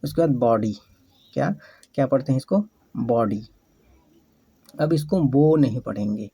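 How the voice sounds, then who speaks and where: A teacher giving a slow English lesson, spelling out words letter by letter and repeating questions to the class. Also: mid-range voice, expressive, mellow, slightly rough, no echo, poor audio. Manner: patient, repeats questions and answers.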